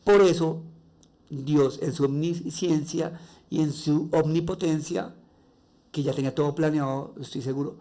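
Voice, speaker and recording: A raspy, nasal man speaking with a Colombian accent, his voice sitting a bit high. He hosts a faith-based podcast and tells personal stories in an earnest, heartfelt monologue. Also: steady tone, measured pace, warm tone. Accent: Colombian Spanish. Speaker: podcast host.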